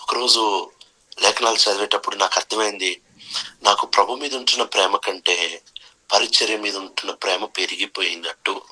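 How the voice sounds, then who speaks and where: Emphatic male preacher with a husky, bright voice. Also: on the low side, fairly even intonation, normal speed, low-quality recording. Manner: emphatic, repeats key phrases, mixes in English phrases. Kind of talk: sermon.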